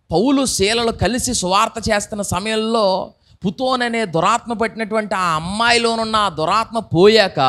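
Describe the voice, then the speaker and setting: Pastor, man, fairly high voice, animated preacher acting out voices, mic. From India. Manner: lively preaching with acted-out voices and rhetorical questions. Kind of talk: sermon. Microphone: microphone.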